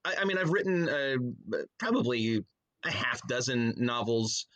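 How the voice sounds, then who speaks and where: A middle-aged podcast guest, an author and pastor, speaks with lively intonation at a moderate pace in a mid-range, slightly bright voice. He keeps the interview casual, colloquial and jokey, like chatting with a buddy.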